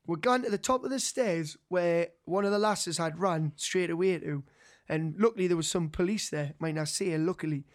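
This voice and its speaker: A man's voice: a little high, normal speed. Geordie man telling a sweary story. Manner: sweary, slangy, animated storytelling that acts out quoted dialogue. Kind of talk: casual anecdote among friends.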